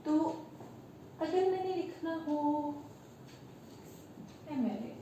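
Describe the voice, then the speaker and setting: A woman teacher with an Indian English accent explaining grammar to her class, slowly and with many questions to her students. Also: sits high, steady tone, warm tone, muffled recording. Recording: echoey room, far from the mic, faint hiss.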